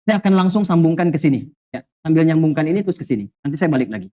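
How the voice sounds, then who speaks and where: A man preaching a lively sermon to a congregation, telling humorous stories, asking rhetorical questions, and weaving in Arabic phrases. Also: a little high, rapid-fire. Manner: animated storytelling with jokes and rhetorical questions. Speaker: Islamic preacher. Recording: dull lo-fi sound.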